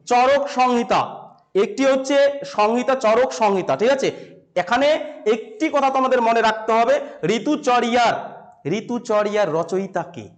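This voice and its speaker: High-voiced man teaching. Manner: asks students questions and answers them himself, repeats key terms slowly. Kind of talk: classroom-style lesson to camera.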